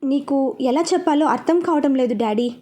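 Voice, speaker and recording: A woman's voice: high voice, normal speed, dark tone, lightly acted. A woman voicing an anxious young daughter who pleads urgently with her parents. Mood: distressed.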